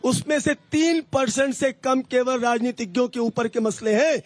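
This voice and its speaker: A man's voice: very high voice, moderate pace, dry recording. A man speaking as a party spokesperson, laying out numbered points and issuing challenges in a debate. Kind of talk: debate argument.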